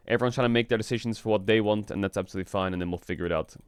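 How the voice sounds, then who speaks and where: Man, casual stream chat, low pitch, dry close sound, rambling, sleepy monotone. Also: racing, clear, resonant tone, dry recording. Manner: frank and rambling, swears often; flat, low-energy delivery. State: just woke up. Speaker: streamer and esports team owner.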